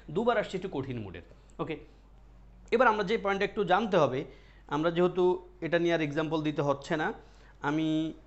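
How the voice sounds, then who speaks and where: Guy teaching an online class, kinda high voice, repeats stuff and asks the students questions, muffled audio. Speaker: English teacher.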